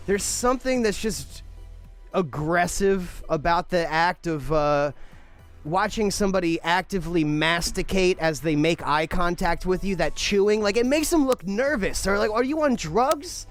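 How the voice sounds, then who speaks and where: A man's voice: high-pitched, animated, moderate pace, soft background music. A man co-hosting a comedy podcast, telling rambling stories with mock outrage. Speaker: podcast co-host. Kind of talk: casual comedic banter.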